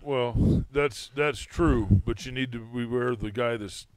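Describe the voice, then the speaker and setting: A man's voice: mid-range voice, measured pace, clean tone, no echo. A man, a fishing captain co-hosting a radio show, giving blunt advice and telling stories from his trips. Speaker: fishing charter captain and co-host. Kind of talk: casual chat.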